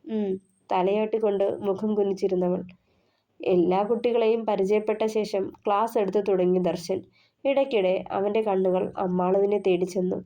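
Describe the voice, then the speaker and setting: A woman narrating an audio novel in a steady storytelling manner. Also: medium pitch, moderate pace.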